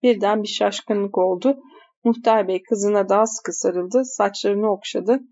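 A woman's voice: medium pitch, a little slow, dark tone, muffled recording. A woman reading a novel aloud, stopping now and then to comment on the text. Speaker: reader.

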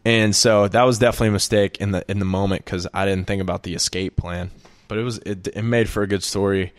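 Low-voiced man rambling a story. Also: steady tone, fast talker. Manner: rambling, heavy filler "like", laughs often. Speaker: guest musician. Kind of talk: casual storytelling.

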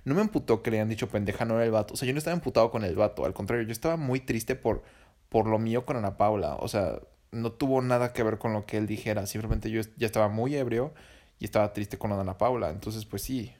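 Low-voiced Mexican man telling a story. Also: fast talker, darkish tone. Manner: slangy, profane, rambling with fillers. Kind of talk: casual personal storytelling.

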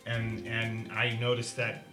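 A man's voice: mid-range voice, monotone, slow pace, reverberant, over music. A man playing a tabletop game, stammering and hesitant as he explains his moves. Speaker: player. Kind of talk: casual tabletop play.

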